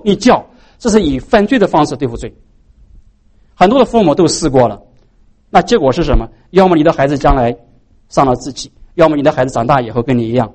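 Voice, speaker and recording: Lively, animated male preacher. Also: fairly high pitch. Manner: preaching with many rhetorical questions to the congregation. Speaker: pastor. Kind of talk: sermon.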